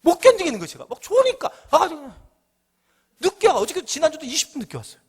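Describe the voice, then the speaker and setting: A middle-aged man preaching to his church, his voice sitting high and swinging widely in pitch. He is animated, slipping into the worried voices of his listeners before answering them. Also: very fast. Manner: animated, acts out the congregation's worries in their own voices. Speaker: pastor. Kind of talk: midweek church sermon.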